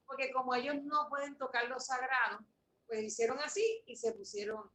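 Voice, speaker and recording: A woman in her forties tells an emotional story as an interview guest, her voice high and bright. She talks in an animated way and repeats phrases for emphasis. The room is echoey, with a faint hiss of noise behind her. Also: moderate pace, gravelly.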